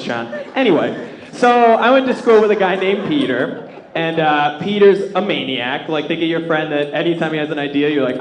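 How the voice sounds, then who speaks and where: A man doing live stand-up comedy, telling stories and working the crowd in an animated, self-deprecating, profane way. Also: fairly high pitch. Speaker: stand-up comic. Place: indoor comedy club stage before a live audience. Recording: echoey comedy club with audience. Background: audience laughter.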